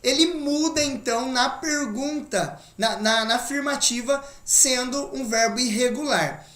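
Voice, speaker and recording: A woman teaching an online language lesson, explaining patiently and slowing down to model example phrases. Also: high voice, a bit bright, echoey room. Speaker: English teacher.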